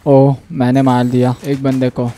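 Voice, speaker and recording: Man, gaming host, excitable and jokey, bursts of yelling, faint noise behind. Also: mid-range voice, unhurried. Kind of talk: playful gameplay commentary.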